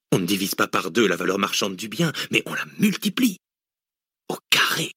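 A male audiobook reader voicing a cynical, deranged hooded villain who lectures mockingly and erupts into shouts. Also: on the low side, slightly rough, dry recording, studio quality, heavily acted. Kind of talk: audiobook reading.

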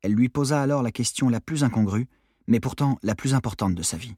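A man narrating a novel in a low, quiet storytelling tone. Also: fast, slightly rough, no room sound, clean studio sound. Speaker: audiobook narrator. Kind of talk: scripted narration.

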